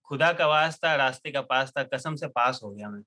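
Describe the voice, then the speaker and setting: A man's voice: medium pitch, normal speed. A young man telling a comic hostel story in a chatty group, joking and laughing often, mixing into his speech. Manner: lively, jokey, laughs often. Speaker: storyteller in a group chat show. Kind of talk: comic storytelling among friends.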